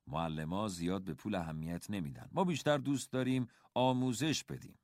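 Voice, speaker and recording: A gentle, encouraging schoolteacher father, as a male narrator puts him on in an audiobook. He speaks calmly and kindly, his fairly low voice moving with lively rises and falls. The sound is dry and close. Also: no echo, close to an everyday voice. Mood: warm encouraging.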